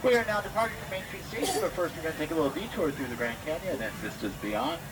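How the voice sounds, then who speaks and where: A man's voice: lively intonation, quick pace. A man working as a train conductor, making live safety announcements to passengers aboard a theme park train. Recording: noisy train PA, distant mic, heavy rumble. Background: loud train and ambient noise.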